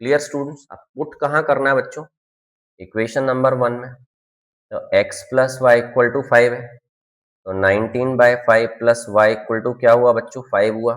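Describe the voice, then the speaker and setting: A man's voice: fairly low pitch, rough recording. A man teaching maths at a board. He asks the class questions and answers them himself, keeps checking whether the students follow, and mixes Hindi with English terms. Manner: repeats checks like "clear students?". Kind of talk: classroom-style board lesson.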